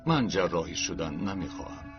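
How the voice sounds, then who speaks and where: A man's voice: deep voice, lively intonation. An actor dubbing an older man, a sick father who firmly refuses treatment. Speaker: patient, father. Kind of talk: dubbed TV drama. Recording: lo-fi with music underneath.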